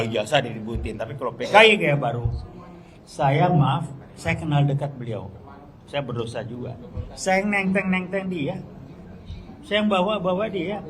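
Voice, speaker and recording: An older man gives a fiery public speech, blunt, slangy and combative, with sharp bursts of emphasis. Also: sits high. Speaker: speaker at a public gathering. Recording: speech with crowd noise behind. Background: crowd noise.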